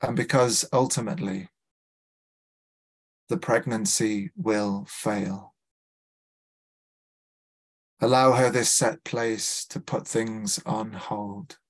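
Scouse guy reading his poems at a lit fest, lowish voice, takes it slow, few ums between poems. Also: steady tone. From Liverpool, England. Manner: measured, deliberate reading with small hesitant fillers between poems. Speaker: poet. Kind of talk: live poetry reading with spoken introductions. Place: literary festival event.

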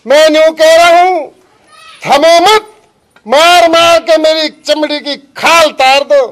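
A man playing a blustering cop, very high voice. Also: normal speed, a bit bright. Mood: demanding. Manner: bossy, blustering. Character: blustering corrupt village police inspector, man. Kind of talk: comedy sketch acting.

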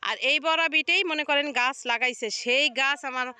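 A village woman chatting loudly and animatedly in regional dialect out in the fields. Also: high voice, normal speed, dry recording. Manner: loud, animated, exclaiming. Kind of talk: casual chat in regional dialect. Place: mustard field outdoors.

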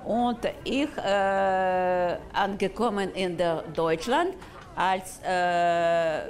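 An older woman with a Ukrainian accent, answering a street interview at an outdoor market, halting and searching for words. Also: lowish voice, darkish tone. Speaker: passer-by interviewed. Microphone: handheld boom mic.

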